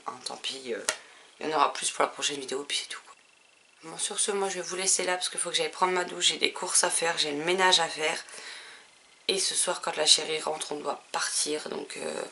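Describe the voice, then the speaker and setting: A woman's voice: low voice, vocal fry, pushed and bright, a little hiss or hum. A woman vlogger chatting casually about her book purchases, rambling and full of hesitations. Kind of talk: casual book haul chat.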